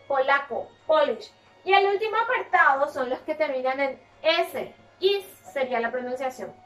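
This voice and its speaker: High-voiced Paraguayan teacher, slow and echoey. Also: female voice, a bit bright, recorded from a distance. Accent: Paraguayan Spanish. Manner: slow, explaining patiently, repeating words. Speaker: English teacher. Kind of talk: recorded remote class lesson.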